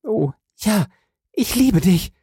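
A man's voice: a little high, moderate pace, mellow, no echo, clean studio sound, pitched above the performer's own voice. A man reading aloud voices a devoted young woman who speaks in a tender, pleading, tearful way. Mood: imploring.

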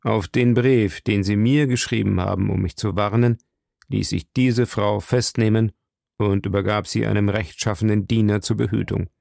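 A stern lord levels his accusations in a low, gravelly voice, as a man reads him. The sound is close and dry, like a storybook reading. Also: steady tone, normal speed, darkish tone, dry recording. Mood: accusing.

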